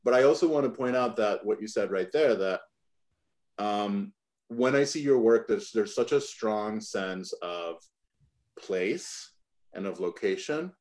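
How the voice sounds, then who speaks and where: A man's voice: fairly low pitch, measured pace, darkish tone. A man hosting a podcast interview, talking loosely with many "like" fillers. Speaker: podcast host. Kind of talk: conversational interview.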